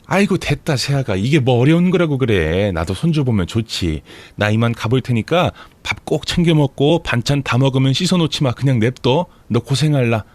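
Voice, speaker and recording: A woman's voice: very deep voice, animated, normal speed, few pauses, darkish tone, no room sound, voice pushed up. A man voicing a kind, self-effacing elderly mother-in-law who soothes and pleads, in a story read for radio. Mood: gentle.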